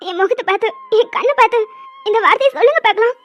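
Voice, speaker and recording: A woman voicing a gentle young wife who pleads earnestly with her husband. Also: very high-pitched, lively intonation, rapid-fire. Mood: pleading. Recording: dry, dull lo-fi audio, faint music.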